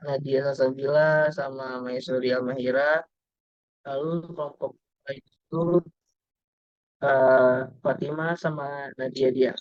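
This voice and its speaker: Play a young company rep running a mock assessment over video call, halting, filling pauses; keep the sound muffled and dry. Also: male voice, medium pitch, no room sound. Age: young adult. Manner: halting, many filler sounds. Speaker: assessor playing a company representative. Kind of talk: role-played group discussion assessment.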